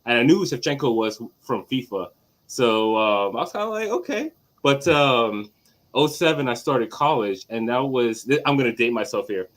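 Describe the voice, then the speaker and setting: A man's voice: mid-range voice, lively intonation, normal speed, a bit bright. A man in his thirties from Trinidad, a guest chatting casually with many fillers and easy laughs. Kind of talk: casual chat.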